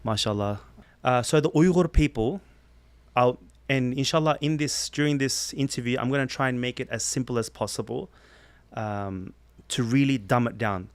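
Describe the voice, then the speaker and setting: Smooth-voiced interview guest, dry studio. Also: male voice, mid-range voice, moderate pace, no echo. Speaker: guest, human rights activist. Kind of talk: podcast interview.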